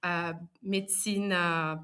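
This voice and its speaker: A woman's voice: lowish voice, fairly even intonation, takes it slowly, bright, forceful tone, smooth. A young woman speaking French, telling her story as a podcast guest with many hesitations. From Italy. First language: Italian. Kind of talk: personal interview.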